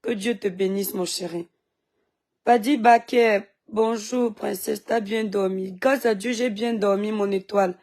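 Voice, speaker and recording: A woman's voice: mid-range voice, fairly even intonation, a little slow, darkish tone. A woman from Cameroon chatting on a phone live stream, greeting viewers by name and talking back at critics, with a sore throat.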